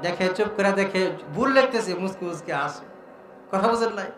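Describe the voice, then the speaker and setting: High bright-voiced preacher with a Mymensingh Bengali accent. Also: male voice, lively intonation, normal speed. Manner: rhetorical questions to the crowd, rising and falling. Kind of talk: Bengali waz sermon. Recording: echoey hall with music.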